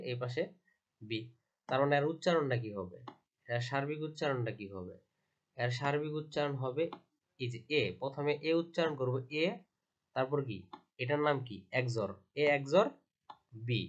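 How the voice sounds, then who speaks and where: A man's voice: mid-range voice, normal speed, pauses often, dull audio. A man teaching from slides, asking himself questions and repeating each point. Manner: repetitive, asks and answers own questions. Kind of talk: slide lecture.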